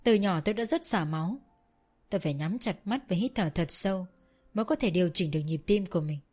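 A woman narrating a first-person story in an even, storytelling manner. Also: on the low side, fast.

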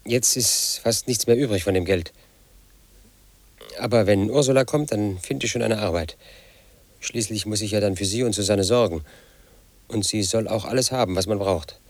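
A late-thirties actor with a lowish voice talks at a normal speed, leaving long pauses, in a recording without echo. He plays a lonely house painter whose suspicious, bitter thoughts form a brooding radio-drama monologue about his life.

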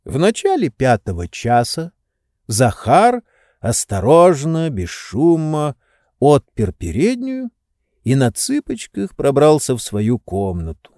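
A man with a mid-range voice reads scripted audiobook narration in a measured, expressive storytelling manner. The recording is dry and studio quality.

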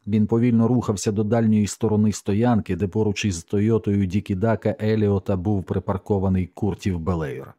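A man narrating a horror audiobook in a measured, somber way. His voice sits very low with a dark, mellow tone. The recording is close and completely dry. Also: fairly even intonation, dry recording.

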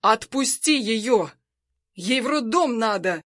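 A desperate husband, read by a woman, straining and urgent as he pleads and threatens. The voice stays close to the reader's own fairly high tone, with only a small lift in loudness. The sound is dry, as in an audiobook. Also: normal speed, dry recording. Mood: urgent, pleading.

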